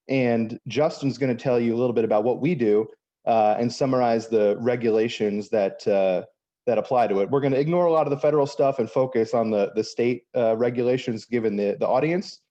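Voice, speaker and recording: A man from Miami, working as an attorney, walks through a presentation quickly and fills gaps with "uh." His voice is mellow and relaxed. The sound is dull and lo-fi, like a remote call. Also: medium pitch. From Miami, Florida. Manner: quick, explanatory, many fillers. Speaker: attorney, panel speaker. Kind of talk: conference presentation.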